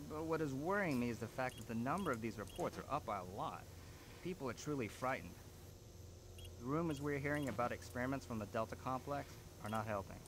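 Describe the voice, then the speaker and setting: An actor playing a worried male facility supervisor, giving a calm, report-like log entry in a video game. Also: mid-range voice, close to an everyday voice. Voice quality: measured, report-like. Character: worried male base supervisor, middle-aged. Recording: game audio with noise behind.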